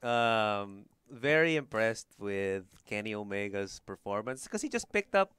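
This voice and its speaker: A man's voice: fairly low pitch, smooth, no echo. A young man, co-hosting a casual wrestling chat and laughing often. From Philippines. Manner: excitable, laughs often, fast asides. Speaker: podcast co-host.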